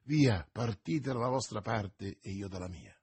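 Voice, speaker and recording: A man's voice: lowish voice, lively intonation, measured pace, a little mellow, slightly rough, no echo, voice pushed down, full character voice. A man doing a curt, haughty nobleman. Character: cold mysterious male nobleman, curt and haughty.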